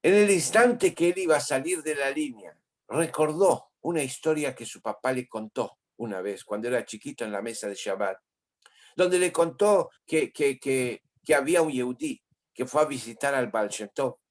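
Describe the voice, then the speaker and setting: A rabbi delivers a storytelling sermon. He talks earnestly and with animation, at a mid pitch for a man. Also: animated, normal speed.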